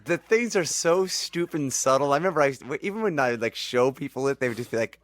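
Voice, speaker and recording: A man's voice: mid-range voice, fast talker, dry recording. A man in his forties co-hosting a podcast, telling funny stories in casual chat and laughing often. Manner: animated storyteller, laughs often. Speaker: podcast co-host.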